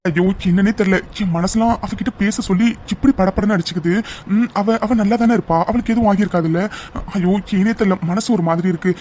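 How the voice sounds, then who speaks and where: Someone playing a restless young cartoon hero who mutters to himself in a mid-range voice. A faint hiss sits under his low, caring tone. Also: fast, darkish tone, lightly acted. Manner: muttering self-talk, low and reassuring.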